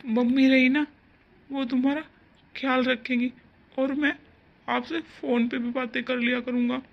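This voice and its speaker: A woman voicing a caring young husband in a cartoon story, speaking gently and reassuringly. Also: high voice, level tone, measured pace, gravelly, highs cut off, heavily acted.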